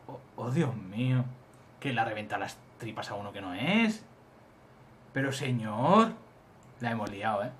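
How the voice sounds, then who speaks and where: Chatty Spanish gamer with a lively voice. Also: male voice, medium pitch. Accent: Spain. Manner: swears freely, chatty and joking. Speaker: let's play host. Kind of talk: casual gaming commentary.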